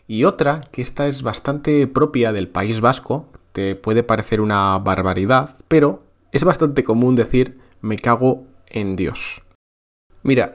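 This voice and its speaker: A man from Spain hosting a podcast lesson for learners of his language, explaining clearly with playful, dry jokes. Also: medium pitch. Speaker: podcast host teaching Spanish. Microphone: podcast microphone.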